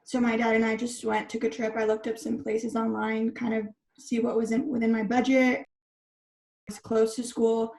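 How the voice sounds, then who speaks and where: A woman's voice: fairly high pitch, flat delivery, normal speed, gravelly, a little mellow. A young woman in her twenties from Texas, a law student answering casually with lots of fillers. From Texas, USA. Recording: roomy echo.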